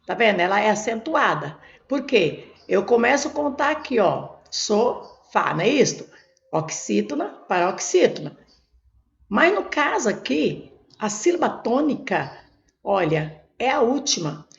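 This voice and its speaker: A Brazilian Portuguese woman teacher works through exam grammar, posing a question and then answering it herself. Her voice sits a little high and moves a great deal, with a gravelly edge. The recording sounds dull and lo-fi. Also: sing-song, unhurried, echoey room. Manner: step-by-step, asks questions and answers them herself. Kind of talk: exam prep lesson, explaining on a board.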